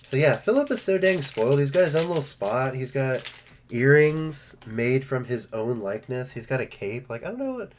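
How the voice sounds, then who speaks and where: A man's voice: medium pitch, sing-song, normal speed, a little hiss or hum. A man hosting a live stream, chatting casually and joking while opening trading card packs. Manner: joking, rambling, playful.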